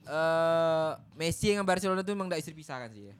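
A man co-hosting a casual football podcast, lively and quick to laugh in back-and-forth banter. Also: a little high, clear, resonant tone. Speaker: podcast co-host.

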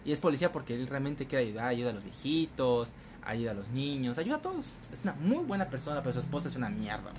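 A Mexican man chats casually and retells stories with a very lively, swooping voice. His pitch sits mid-range. A faint hiss of noise lies underneath. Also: quick pace. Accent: Mexican Spanish. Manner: animated storyteller, acting out characters with swearing and laughter. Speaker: podcast co-host. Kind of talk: casual chat.

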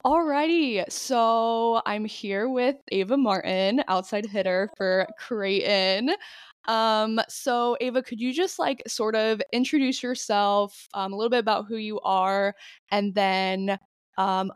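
A young woman hosting a casual solo podcast, excitable and gushing, with lots of fillers and repeated words. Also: mid-range voice, a little slow, clear, resonant tone, dry recording, studio quality. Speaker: podcast host.

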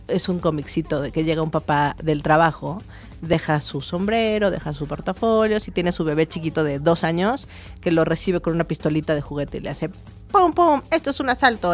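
A woman's voice: on the low side, darkish tone. Woman, therapist co-host, casual explaining, frequent restarts, faint music underneath. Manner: explains with examples, many fillers and restarts.

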